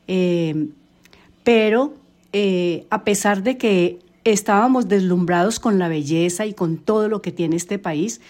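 An older woman, a grandmother answering interview questions hesitantly, with many pauses and fillers. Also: medium pitch, a little mellow. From Colombia. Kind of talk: casual family interview.

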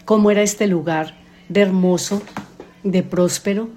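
An older woman, a grandmother answering interview questions hesitantly, with many pauses and fillers. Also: medium pitch, fairly even intonation, warm tone, slight background noise. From Colombia. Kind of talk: casual family interview.

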